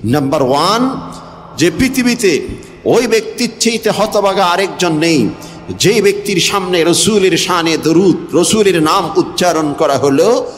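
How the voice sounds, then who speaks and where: Booming Bengali preacher in a reverberant hall. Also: male voice. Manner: rhythmic repetition, voice rising and falling for emphasis. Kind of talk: Bengali waz sermon.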